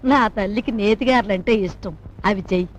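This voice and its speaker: An actress playing a bossy, sharp-tongued older mother-in-law in a film, giving orders and scolding. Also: mid-range voice, a little fast, lightly acted. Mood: commanding. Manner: commanding, scolding. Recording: film soundtrack with music underneath.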